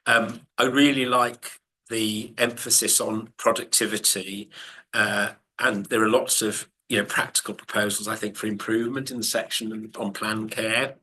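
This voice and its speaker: A man board member speaking over a video call, thoughtful and hesitant with many pauses and fillers. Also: on the low side, steady tone, sharp tone, slight background noise. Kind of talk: meeting contribution.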